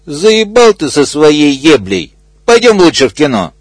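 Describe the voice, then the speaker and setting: A man's voice: fairly high pitch, big pitch swings, a little slow, dry recording. A man voicing a rude, bossy male crocodile who barks curses and scorn. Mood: scornful. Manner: barking curses.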